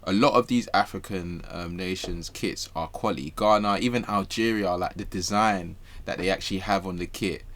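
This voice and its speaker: A man's voice: sits low, normal speed, hardly any pauses, a bit bright. A man, a guest on a football podcast, talking with enthusiasm and often repeating his words. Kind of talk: casual football podcast chat.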